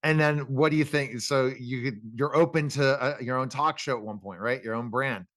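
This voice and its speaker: A man's voice: medium pitch, moderate pace, a bit bright, dry recording, clean studio sound. A man hosting a casual talk interview, talkative, with rambling questions and remarks about himself.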